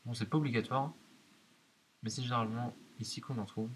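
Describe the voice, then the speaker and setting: A man commentates a horror game for his viewers in a mid-pitched voice. He explains things step by step, hesitantly, speaking straight to the audience. A light hiss sits on the home-made recording. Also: steady tone, brisk, a bit bright, rough recording.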